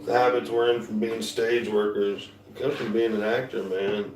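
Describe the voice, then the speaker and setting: Recorded from a distance, a man with a fairly low, fairly even voice speaks at normal speed in a light Southern accent. He loosely chats to viewers while hosting his music and painting show, trailing off and restarting, amid room echo and guitar music.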